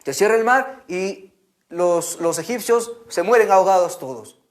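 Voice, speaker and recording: A man telling a Bible story to children as a catechist, animated, often checking in with "¿no?" and making sound effects. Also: high voice, measured pace. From Peru. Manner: animated, lots of "¿no?" and "imagínate", sound effects like "pum".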